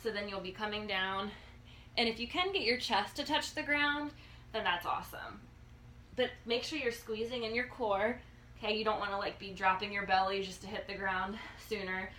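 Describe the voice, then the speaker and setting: A woman in her thirties giving a casual, halting exercise demonstration as a fitness coach, often checking in as she instructs. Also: medium pitch, sharp tone. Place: living room, indoors. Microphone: phone or camera a few feet away. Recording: noisy home video, phone mic.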